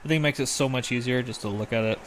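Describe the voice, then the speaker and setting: A man's voice: mid-range voice, rapid-fire, a little hiss or hum. A man co-hosting a podcast in casual chat, telling rambling stories full of swearing. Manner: loose, profane, rambling storytelling. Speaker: podcast co-host.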